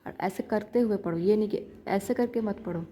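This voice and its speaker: A woman's voice: mid-range voice, brisk, dark tone, a little hiss or hum. A young woman giving chatty shorthand practice tips in a casual vlog, repeating her points as she coaches viewers. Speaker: shorthand learner vlogger.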